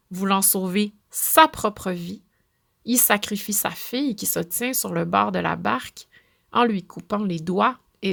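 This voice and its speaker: A woman with a Québécois French accent hosting a podcast, talking in a chatty, expressive way with many fillers and restarts. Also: medium pitch, creaky. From Quebec. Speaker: podcast host. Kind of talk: casual spoken monologue.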